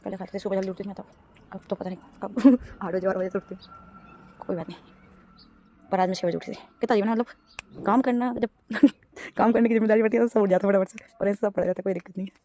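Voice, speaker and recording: A woman's voice: mid-range voice, steady tone, quick pace, warm tone, a little hiss or hum. A young woman talking casually to her vlog audience while doing chores at home, narrating each step and laughing at herself. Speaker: vlogger. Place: home rooftop and garden area.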